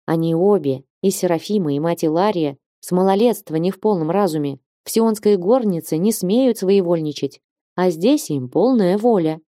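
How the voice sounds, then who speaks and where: A woman's voice: on the low side, moderate pace, dry recording, clean studio sound, close to an everyday voice. Woman doing a rapt, earnest young believer. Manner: quiet, earnest, rapturous.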